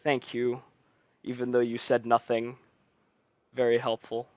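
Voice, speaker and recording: A man's voice: medium pitch, completely flat delivery, measured pace, smooth, no room sound. A man telling a story to friends on a stream, casual and rambling, often restarting his sentences. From United States. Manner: rambling, frequent restarts and fillers. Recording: dull lo-fi stream mic.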